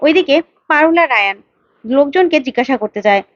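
A woman narrating a retelling of a TV serial episode in rapid, plain storytelling, on a dull lo-fi recording. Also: sits high, expressive, no room sound.

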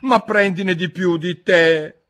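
A man's voice: high-pitched, very animated, brisk, bright, forceful tone, breathy edge, voice pushed up, heavily acted. A man voicing a bored, blunt male March hare in an audiobook.

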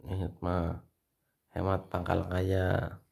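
A man's voice: deep voice, monotone, slow, creaky, a little mellow. A man with a Javanese-Indonesian accent, teasing his wife in a casual home video before turning coaxing and apologetic. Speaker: husband filming a family prank video. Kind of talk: teasing casual family banter.

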